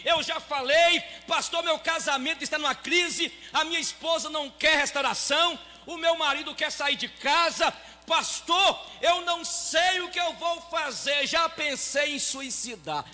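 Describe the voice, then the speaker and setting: A man with a Brazilian accent preaching a sermon in a church, dropping low and quiet to tell stories, then rising to loud shouted appeals. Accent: Brazilian Portuguese. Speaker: pastor. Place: church hall with long reverb. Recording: echoey church hall.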